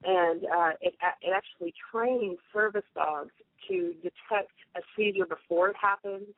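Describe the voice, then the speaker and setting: A woman from Tennessee, a singer and guest, chatting easily on the phone, laughing often and filling pauses with lots of ums. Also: mid-range voice, lively intonation, creaky, no echo. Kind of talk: phone interview chat. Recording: tinny phone line.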